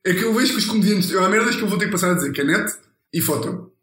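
A man's voice: sits high, expressive, racing, fairly bright tone. A man with a European Portuguese accent, blunt and teasing in casual podcast chat, swearing freely. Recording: roomy echo.

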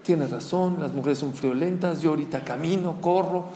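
A man's voice: on the high side, normal speed, reverberant, big-room sound, slight background noise, natural voice. A man voicing a worried wife who pleads insistently with the rabbi, in a sermon story. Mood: pleading.

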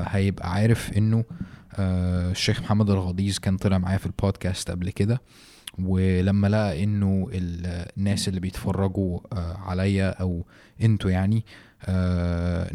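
A man with an Egyptian Arabic accent speaks as a podcast host in a low, mellow voice. His delivery is unscripted and casual, halting often as he searches for the next phrase. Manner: halting, hesitant delivery with many drawn-out pauses.

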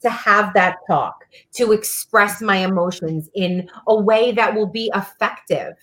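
A woman co-hosting a casual talk show, calmly explaining advice for teens like a counselor. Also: medium pitch, measured pace. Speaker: podcast co-host giving advice to teens.

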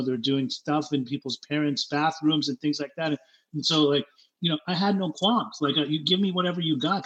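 In a muffled recording, a middle-aged man with a fairly high pitch, German-born and Utah-raised, shares his own story as an interview guest. He speaks openly yet haltingly, often repeating words, and grows animated as he describes scenes again.

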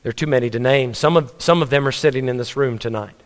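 A man's voice: mid-range voice, fast talker. A man preaching a sermon, telling stories and putting questions to the congregation. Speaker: pastor. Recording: reverberant church hall.

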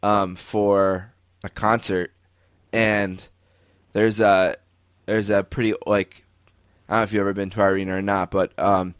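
A man hosting a casual sports chat, talking in a relaxed, conversational way. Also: fairly low pitch, measured pace, long pauses, smooth, no echo, studio quality. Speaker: host.

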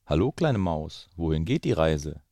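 A man's voice: extremely low pitch, very animated, measured pace, mellow, no room sound, clean studio sound, heavily acted. A man voicing a sly, hungry fox in a rhyming children's story.

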